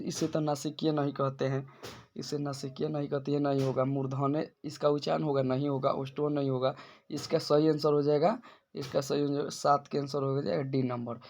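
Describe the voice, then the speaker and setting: A male teacher with a fairly high, darkish voice works through exam questions one by one in an exam-prep lesson. He repeats and restarts phrases as he explains each answer.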